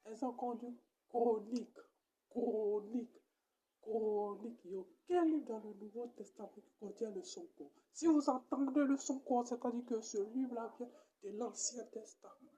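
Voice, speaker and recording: A woman with an Ivorian French accent, a comedian giving a mock Bible lesson and repeating each point slowly like a teacher. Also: on the high side, dark tone.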